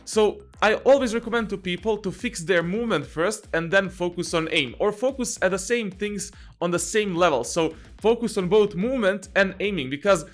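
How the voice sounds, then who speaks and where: High-voiced joking young man. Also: moderate pace, hardly any pauses. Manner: jokey, laughs often, many fillers and restarts. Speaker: channel host and game coach. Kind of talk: casual Q&A vlog.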